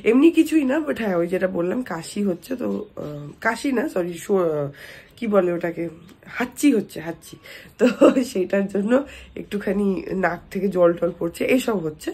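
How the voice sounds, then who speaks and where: Hoarse chatty woman vlogger. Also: medium pitch, expressive, moderate pace, pauses often. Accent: Kolkata Bengali. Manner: chatty, talks softly because of a sore throat. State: hoarse from a cold. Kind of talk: casual daily vlog.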